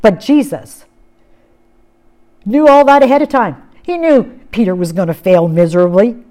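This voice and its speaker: Woman preaching an expressive sermon. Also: medium pitch, moderate pace. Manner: expressive, acts out quoted lines with rising and falling intensity.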